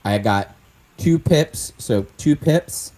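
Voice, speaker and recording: A man's voice: mid-range voice, lively intonation, slow pace, warm tone. A man taking part as a player in a tabletop game, thinking aloud and restarting his sentences. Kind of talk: casual tabletop play.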